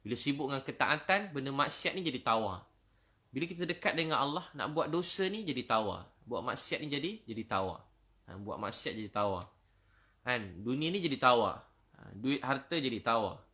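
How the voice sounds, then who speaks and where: A middle-aged man with a Malaysian Malay accent giving a sermon, telling stories in lively casual speech and dropping to a soft pleading voice for prayers. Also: mid-range voice. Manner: quotes verses in slow Arabic, then tells stories in lively casual speech; drops to a soft, pleading voice when voicing prayers. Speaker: preacher. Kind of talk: sermon storytelling.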